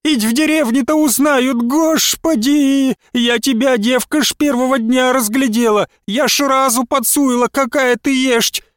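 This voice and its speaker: A woman's voice: steady tone, measured pace, few pauses, dry recording, clean studio sound. A man reading a story, voicing a furious old peasant mother-in-law who curses and screeches with a lisp. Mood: enraged. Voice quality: shrill, lisping screech. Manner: cursing, wailing, hurling insults.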